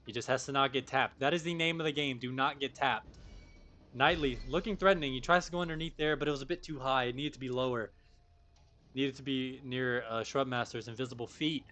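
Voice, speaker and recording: A young man doing live play-by-play commentary on a match, breaking into excited bursts of surprise. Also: medium pitch, fairly quick, faint music behind.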